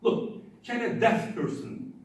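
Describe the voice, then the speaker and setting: A Turkish man presents an academic lecture at a conference, recorded from a distant mic in an echoey hall. He takes it slowly and speaks emphatically, repeating words and sounding out examples.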